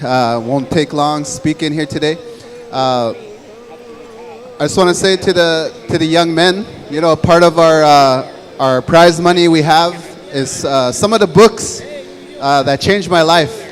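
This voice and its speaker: A man's voice: a little high, unhurried. A man speaking earnestly and conversationally in a motivational public speech, sharing personal stories as a dancer addressing young men.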